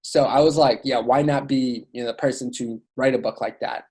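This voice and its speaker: In a darkish, mid-range voice with fairly even intonation, a young Iraqi-born man speaks briskly. Guesting on a podcast as a student author and educator, he keeps the casual interview talk informal and excited, sprinkling in plenty of "like" and "you know."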